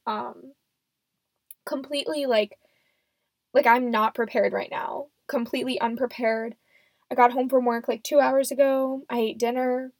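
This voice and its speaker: A woman's voice: on the high side, steady tone, a little slow, creaky, darkish tone, dry recording. A seventeen-year-old young woman hosting a casual, unscripted solo podcast in a rambling, self-deprecating way, recorded close and muffled in a closet. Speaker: podcast host. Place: small closet at home. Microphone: microphone.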